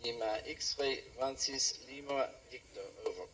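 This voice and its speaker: A man's voice: medium pitch, takes it slowly. A man working as an amateur radio operator, making formal radio calls in phonetic alphabet. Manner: formal, spelling call signs in phonetic alphabet. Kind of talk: radio call procedure. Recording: noisy radio audio, distant microphone.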